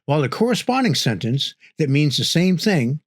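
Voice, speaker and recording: A man's voice: a little high, very animated, normal speed, no echo, clean studio sound. Man narrating a regional guide. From northern New England. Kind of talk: scripted narration.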